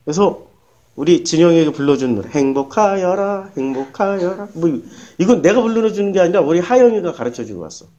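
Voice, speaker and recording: A man's voice: on the high side, big pitch swings, quick pace, dark tone, lo-fi sound. A man preaching a sermon as pastor, asking his listeners questions and answering them himself, and acting out short quoted lines.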